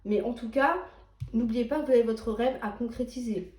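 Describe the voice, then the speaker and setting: A woman's voice: on the high side, moderate pace, darkish tone, reverberant. A woman giving a chatty, reassuring tarot reading, often checking in with her listener. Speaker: tarot reader. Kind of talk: tarot card reading monologue.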